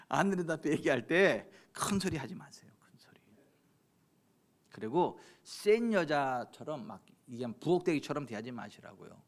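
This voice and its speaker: A middle-aged Korean pastor preaching to his congregation, his fairly high voice leaping up and down with lively animation. He drops to soft asides, then climbs to loud calls, chuckling at his own stories and questioning the people in front of him. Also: a little slow. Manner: swings from quiet asides to loud exhortations; addresses the congregation directly with questions. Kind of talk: sermon. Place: church sanctuary at a late-night service.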